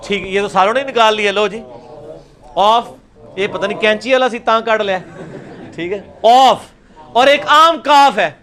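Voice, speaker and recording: Religious teacher, man, fairly high voice, repeats letters loudly and firmly. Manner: drills letters by repeating them loudly, mixing Punjabi into Urdu. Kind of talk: live Quranic pronunciation class.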